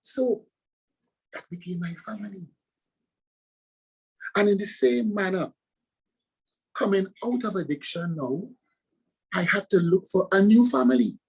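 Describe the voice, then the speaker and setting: A man's voice: high-pitched, unhurried, creaky, long pauses, husky, poor audio. A man from Trinidad and Tobago with a Trinidadian accent, a pastor and author answering interview questions with earnest, preacherly emphasis.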